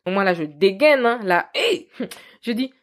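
A woman hosting a podcast, telling her story in a lively, self-mocking way and often laughing. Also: medium pitch, slow. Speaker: podcast host.

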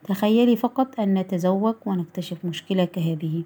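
A woman's voice: medium pitch, a little fast, mellow, natural voice. A woman voicing a blunt, stern young fiancé who speaks curtly and firmly. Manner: curt, firm, matter-of-fact.

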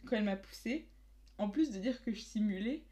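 A young woman co-hosts a casual podcast and recounts a story with an expressive delivery. Her voice sits at an ordinary mid pitch. It is relaxed, chatty storytelling. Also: brisk. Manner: expressive, acts out quoted voices. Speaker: podcast co-host.

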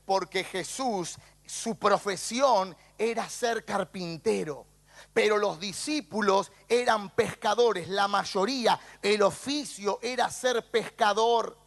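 A male pastor with a Rioplatense Spanish accent, preaching a sermon with passion and rising to shouts. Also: high-pitched, slow, gravelly. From Argentina.

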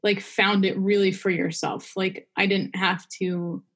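A young woman hosting a faith podcast in a casual chat, warm-hearted and full of fillers like "um" and "you know". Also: mid-range voice, level tone, unhurried. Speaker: podcast host.

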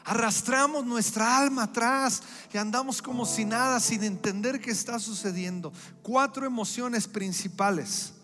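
A middle-aged man preaches in a strikingly high voice. He hammers his points home with emphatic, repeated phrases. His words ring out in a reverberant church hall over faint music. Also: moderate pace, hardly any pauses, sharp tone. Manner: emphatic, repetitive preaching cadence. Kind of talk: sermon.

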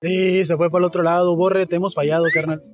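High-pitched man, slangy street talk. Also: little pitch movement, quick pace. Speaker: podcast host. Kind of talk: casual street interview and banter. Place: outdoors on a street, seated at a podcast setup. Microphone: podcast microphone with headphones.

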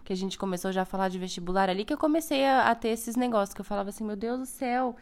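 A woman's voice: medium pitch, steady tone, racing. A young Brazilian woman with a Brazilian Portuguese accent, talking casually to her followers in a chatty, playful way with lots of tag questions. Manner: chatty and playful, frequent "né?" asides. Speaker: spiritual content creator. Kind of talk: casual spiritual vlog monologue.

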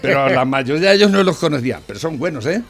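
A man, co-hosting a casual political chat, loud and laughing easily. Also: fairly high pitch, expressive, fast talker. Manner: rattles off a long word list loudly, then chats with laughs. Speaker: co-host.

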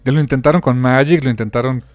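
A man, co-hosting a casual comic book podcast and chiming in with quick jokes. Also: mid-range voice, fairly even intonation, a little mellow, dry recording, soft background music. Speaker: podcast co-host.

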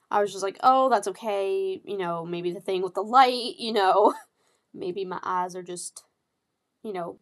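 A young woman hosting a podcast, candidly telling a personal story in casual, profane speech full of fillers. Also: medium pitch. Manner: candid, heavy swearing, lots of fillers. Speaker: podcast host.

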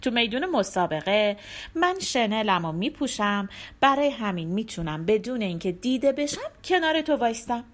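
A woman's voice: a little high, big pitch swings. A woman storyteller voicing a confident young male hero, speaking earnestly and reassuringly.

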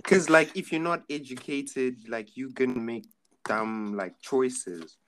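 A man's voice: medium pitch, takes it slowly. A young man chatting casually, slangy, blunt and sweary. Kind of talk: casual chat.

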